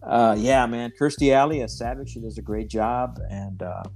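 A man co-hosting a casual podcast, talking with excitement about a film and often calling his friend "man". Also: medium pitch, moderate pace, soft background music. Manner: enthusiastic, says "man" a lot, acts out movie lines. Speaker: podcast co-host. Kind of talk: casual chat.

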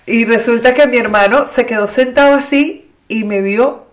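A woman with a Venezuelan accent, co-hosting a podcast and telling stories in a casual, expressive way, with spoken sound effects. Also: a little high, normal speed. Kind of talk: casual chat, storytelling.

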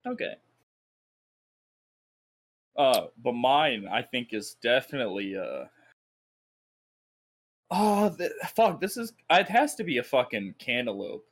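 A man's voice: mid-range voice, sing-song, takes it slowly, long pauses. A young man hosting a casual podcast over Discord, swearing freely and laughing often. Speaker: podcast host.

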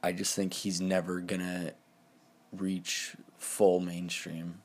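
A man's voice: low-pitched, completely flat delivery, takes it slowly, a little mellow, husky. An eighteen-year-old man talking casually on his own, rambling with lots of fillers and restarts. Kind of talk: casual solo talk.

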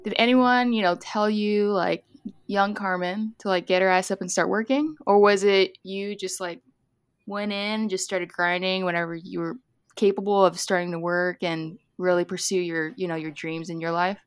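A woman's voice: fairly low pitch, fairly even intonation, normal speed, clear, resonant tone. A woman co-hosting a podcast, rambling with lots of fillers and laughing as she chats. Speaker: podcast co-host. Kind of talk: casual podcast chat.

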